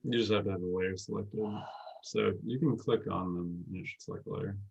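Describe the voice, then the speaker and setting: A man's voice: on the low side, brisk, creaky, darkish tone, breathy edge, highs cut off. A man playing a tabletop game, describing his character's actions and thinking aloud. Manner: hesitant, thinks aloud with fillers. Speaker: player.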